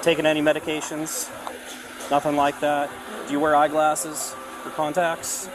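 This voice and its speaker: Higher-pitched male police officer on noisy bodycam. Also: flat delivery, normal speed. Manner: procedural, checks understanding with "okay?" and "all right?". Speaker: police officer at a traffic stop. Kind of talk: body cam audio of procedural questioning and instructions. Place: outdoors at a roadside traffic stop. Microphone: body-worn camera. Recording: noisy body camera audio, outdoor vehicle hum.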